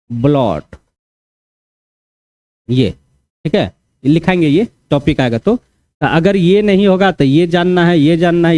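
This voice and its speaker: Man teaching, mellow tone. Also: a little high, no room sound. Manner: repetitive, conversational teaching with frequent "theek hai" check-ins. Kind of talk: classroom lecture for exam preparation.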